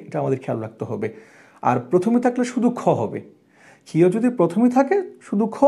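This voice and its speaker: A man tutoring grammar, asking questions and answering them himself, with drawn-out hesitations and repeated rules. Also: a little high, warm tone. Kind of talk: classroom explanation.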